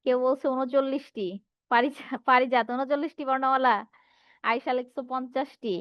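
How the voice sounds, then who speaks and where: A high-voiced woman teacher with a Bangladeshi Bengali accent leads an online lesson, often putting questions to her students. Her voice is dry and close, a little muffled and lo-fi. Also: fairly even intonation, moderate pace, clean tone, no echo. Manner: reads out students' answers and asks rhetorical questions. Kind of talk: online class lecture.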